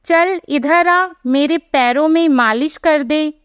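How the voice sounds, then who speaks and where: A woman's voice: sits high, takes it slowly, dry recording. A woman doing a harsh, scolding mother-in-law. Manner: harsh, taunting, bossy.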